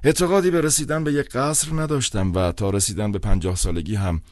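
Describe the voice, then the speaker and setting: A man narrating a literary novel in a measured, wry, deadpan reading. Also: lowish voice, dry recording, clean studio sound. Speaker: audiobook narrator.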